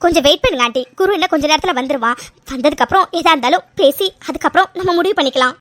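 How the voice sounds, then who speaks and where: A woman playing a brusque shrill young woman. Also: fairly bright tone, no room sound. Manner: brusque, quick. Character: young woman, blunt, loyal sister.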